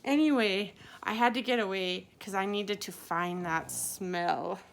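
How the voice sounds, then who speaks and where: A woman's voice: medium pitch, a little slow, creaky, a little hiss or hum. A woman telling a playful improvised story to a child, laughing often as she goes.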